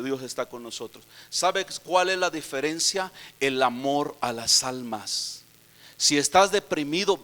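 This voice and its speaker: Middle-aged Mexican pastor with a high, ringing voice, preaching to youth; tired, swings from quiet anecdotes to loud exhortation. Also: male voice. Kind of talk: sermon.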